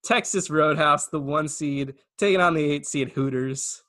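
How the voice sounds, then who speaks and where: A man's voice: on the high side, a little slow, bright, forceful tone. A man hosting a casual podcast, announcing matchups and giving blunt opinions. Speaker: podcast host running the bracket.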